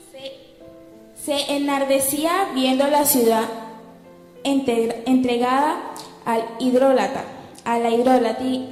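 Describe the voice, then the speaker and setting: A woman reading a Bible passage aloud in church, a little halting, restarting on words. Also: high-pitched, a little mellow. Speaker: scripture reader. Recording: echoey church hall with music.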